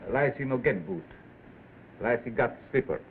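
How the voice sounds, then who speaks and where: A very old, evasive shopkeeper played by a man speaks broken English, his pitch lively and jumpy. It is 1930s film acting in clipped phrases. The soundtrack is thin and noisy. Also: normal speed, phone-quality sound, close to an everyday voice. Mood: stubbornly evasive. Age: older. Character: very old, evasive Chinese herb seller.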